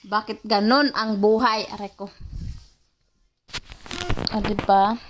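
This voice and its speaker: A woman's voice: mid-range voice, fairly even intonation, slow, background noise. A young Filipina mother with a Cebuano-touched accent, venting in a casual vlog with rueful, self-mocking sighs. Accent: Filipino, Cebuano-speaking. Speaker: mother vlogger.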